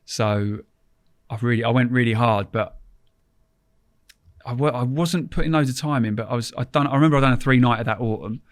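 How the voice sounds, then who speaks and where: A man's voice: medium pitch, fairly quick, long pauses, no echo, studio quality. A man telling casual, rambling anecdotes as a podcast guest in informal, colloquial speech.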